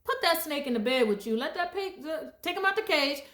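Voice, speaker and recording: A woman's voice: sits high, lively intonation, a little fast, a bit bright, roomy sound. A woman giving blunt life advice in a casual, emphatic and preachy monologue, laughing often.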